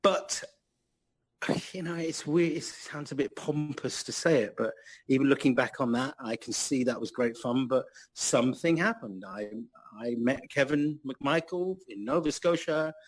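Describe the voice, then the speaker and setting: A man in his sixties, a guest musician telling self-mocking stories in an interview. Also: mid-range voice. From England. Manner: storytelling, self-mocking, animated. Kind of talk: anecdotal interview chat.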